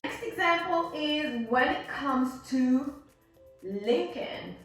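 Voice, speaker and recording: A woman's voice: high voice, animated, slow. A woman teaching pronunciation as an instructor, demonstrating words and sounds and often checking that the learner follows. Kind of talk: instructional lesson on American English sounds. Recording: very roomy echo, distant mic, faint music.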